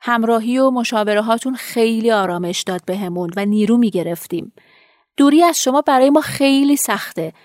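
An actress playing a young woman who warmly thanks her counselor in a radio drama. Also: a little high, lively intonation, dry recording, clean studio sound, natural voice. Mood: grateful. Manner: warm, grateful.

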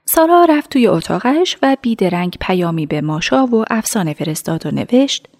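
A woman narrating a radio drama in a measured, hushed storytelling voice. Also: medium pitch, big pitch swings.

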